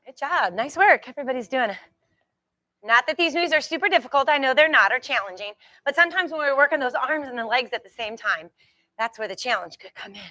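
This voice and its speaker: A woman's voice: high voice, animated, quick pace, bright, forceful tone, no room sound. A woman leading a group exercise class as instructor, encouraging and reassuring, giving short repeated cues and countdowns. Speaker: fitness instructor.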